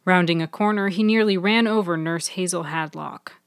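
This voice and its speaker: A woman narrating her own serial fiction in a measured, even storytelling voice. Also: on the low side, no echo, clean studio sound. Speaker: author and narrator. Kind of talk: scripted audiobook narration.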